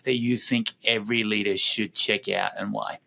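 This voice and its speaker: A man's voice: fairly low pitch, steady tone, normal speed, gravelly, bright, forceful tone. A man with an Australian or New Zealand accent hosting a leadership podcast, asking questions and closing with an encouraging sign-off. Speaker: podcast host.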